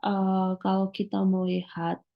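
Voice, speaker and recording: In a recorded lecture, a woman teacher explains slowly with many filler sounds, reading English phrases aloud and then translating them. Her mid-range voice is monotone with vocal fry, and the sound is lo-fi.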